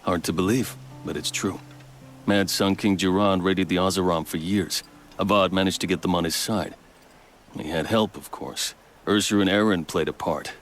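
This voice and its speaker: An actor playing a proud, measured male captain and veteran soldier. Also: low-pitched, steady tone, faint music behind, close to an everyday voice. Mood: proud steady.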